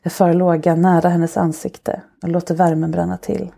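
Woman podcast host reading a steamy story, slow and soft, super gravelly, dark mellow tone. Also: on the low side, level tone. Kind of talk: narrated erotic short story.

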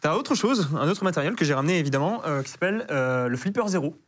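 A man appearing as a guest cybersecurity expert. He gives relaxed, casual explanations with lots of hesitation fillers. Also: a little high, quick pace. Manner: laid-back explainer, many fillers.

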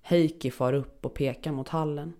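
A woman narrating a first-person horror story in a steady, dark storytelling manner. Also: low voice.

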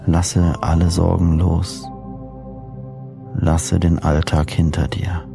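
A man narrating a sleep story as guided meditation, soothing and deliberate, with measured phrases and pauses. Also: deep voice, level tone, vocal fry. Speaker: host and hypnosis coach narrating sleep meditations. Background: new-age music.

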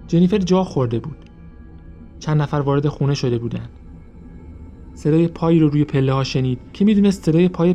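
A man reading a scripted true-crime story in an even, measured storytelling manner. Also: mid-range voice. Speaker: podcast narrator.

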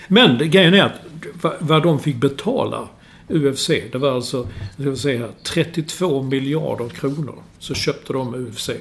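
A man's voice: mid-range voice, vocal fry. A man in casual sports chat, explaining business details with enthusiasm and the odd swear. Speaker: podcast co-host.

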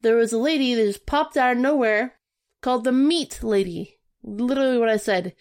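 A woman co-hosting a casual podcast chat, telling stories in an animated way. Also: on the high side, normal speed. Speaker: podcast co-host.

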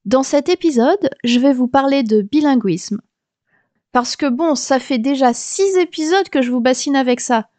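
Chatty high-voiced woman podcast host. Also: animated, moderate pace, darkish tone, dry recording. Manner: chatty, explanatory, lightly humorous. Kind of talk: scripted podcast monologue.

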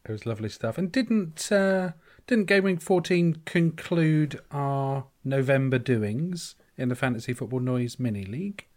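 A man's voice: mid-range voice, animated, a little slow, darkish tone. Male co-host, medium voice, cheeky and profane. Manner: cheeky, swearing, banter. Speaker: podcast co-host. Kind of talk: casual chat.

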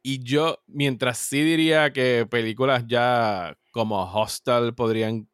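A man's voice: medium pitch, fairly even intonation, slow pace, clean tone, no echo, studio quality. A man co-hosting a casual film discussion, giving his opinions freely and laughing easily. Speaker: podcast co-host.

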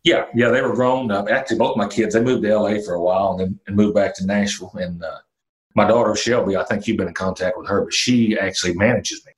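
Country singer-songwriter, man of fifty, very low voice, laid-back storyteller who swears now and then. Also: fast talker, low-quality recording. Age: 50s. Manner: relaxed storytelling with fillers and mild cursing. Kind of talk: casual interview talk.

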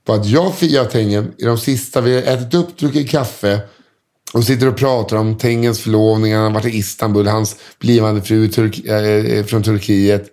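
Rambling podcast host. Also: male voice, fairly low pitch, steady tone, darkish tone. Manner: rambling, lots of hesitation fillers and restarts. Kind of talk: casual storytelling chat.

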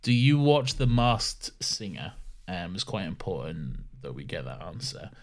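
A young man, a podcast co-host, leaves a casual, slightly sheepish voicemail on a phone call and stops often with halting fillers. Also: sits low, big pitch swings. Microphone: podcast microphone.

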